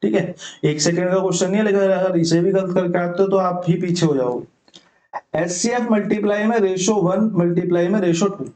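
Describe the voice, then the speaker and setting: A young man with a fairly high voice walks students through exam maths problems one step at a time. He slips English terms into his explanation and keeps checking in with the class. The room around him sounds echoey. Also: brisk, a little mellow. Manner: often checks in with "ठीक है". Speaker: maths teacher. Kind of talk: exam-prep maths lesson.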